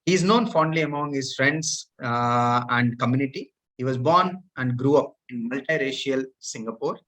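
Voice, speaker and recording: A man's voice: medium pitch, normal speed, a bit bright, poor audio. A male host formally introducing and interviewing a coach, polite with some hesitations. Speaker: podcast host. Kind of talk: hosting an interview.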